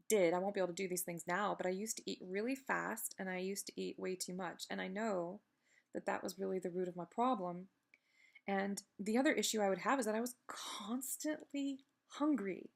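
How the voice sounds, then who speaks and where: Creaky-voiced woman vlogging while recovering from surgery. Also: medium pitch. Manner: candid, self-deprecating, rambling with digressions. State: recovering the day after surgery. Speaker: video blogger giving a personal health update. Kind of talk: casual chatty update to camera.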